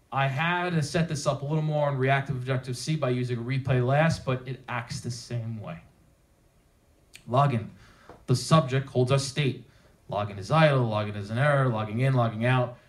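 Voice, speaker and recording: Speaking at normal speed in a mid-pitched voice, a man delivers a technical presentation to a live audience in the theater of a developer meetup. His conference talk is informal and emphatic, peppered with rhetorical questions.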